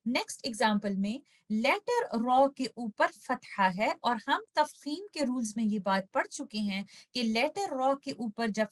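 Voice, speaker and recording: Urdu-accented woman teaching tajweed, slightly high voice, patient, explains then recites slowly. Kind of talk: step-by-step recitation lesson.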